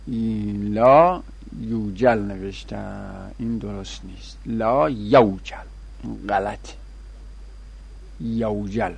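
Male teacher, husky voice, sing-song drilling of conjugations, plain explanatory lesson. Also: on the low side, a little mellow.

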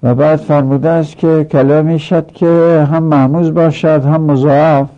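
A man's voice: a little high, little pitch movement, warm tone. A man teaching a grammar lesson from a textbook, explaining each rule step by step with repeated examples. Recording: dull lo-fi recording.

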